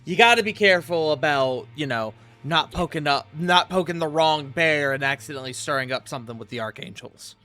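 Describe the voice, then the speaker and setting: A man's voice: a little high, a little fast, hardly any pauses, bright, forceful tone, faint music behind. A man acting as game master, narrating a tabletop game in a casual, improvised way with informal banter.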